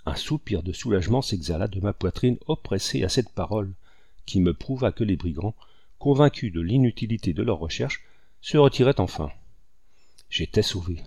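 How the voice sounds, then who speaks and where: A man narrates a classic adventure novel in the first person, measured and dramatic in his telling. His voice sits low and carries a gravelly rasp. The recording is close and dry, with no room sound. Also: darkish tone, no echo. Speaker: audiobook reader.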